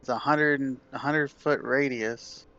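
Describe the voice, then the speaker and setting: A man's voice: mid-range voice, steady tone, slow, pushed and bright, soft background music. A man playing a tabletop game, chatting casually and hesitantly as he works out his moves. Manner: hesitant, rambling. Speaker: player. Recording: dry, muffled recording.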